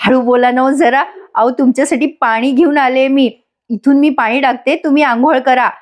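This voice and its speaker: A woman voicing a fretful young wife in a soap, speaking in a hushed tone. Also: sits high, steady tone, normal speed, natural voice. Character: worried young wife, gentle.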